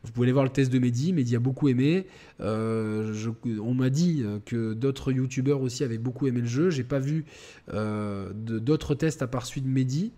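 A man of middle pitch hosting a live game stream. He talks casually to his viewers, rambling and restarting his sentences with plenty of fillers. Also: normal speed, warm tone. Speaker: gaming channel host.

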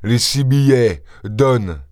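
A man voicing a brutish, angry peasant farmer in an audiobook, gruff and bullying. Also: medium pitch, animated, takes it slowly, darkish tone, no room sound, clean studio sound. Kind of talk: audiobook character voice.

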